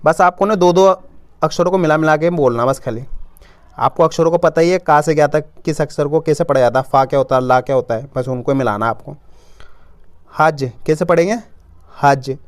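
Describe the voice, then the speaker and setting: A man's voice: on the high side, fairly quick, no echo. A man teaching children to read, patiently sounding out each word and answering his own questions. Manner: says "apan" for "we", informal spoken Hindi. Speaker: Hindi reading teacher. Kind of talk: step-by-step reading lesson.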